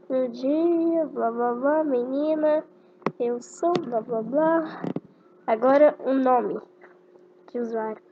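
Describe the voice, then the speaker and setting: Girl gamer, casual chatty commentary, slow and high, hissy low-quality recording. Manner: gushing over cute animals, chatty. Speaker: gameplay narrator. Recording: dull lo-fi recording with loud noise.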